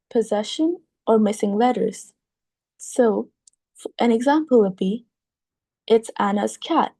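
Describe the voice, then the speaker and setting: Woman, grammar lesson for kids, fairly high voice, mellow, dry sound. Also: no echo. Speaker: teacher. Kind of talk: casual explanation for kids.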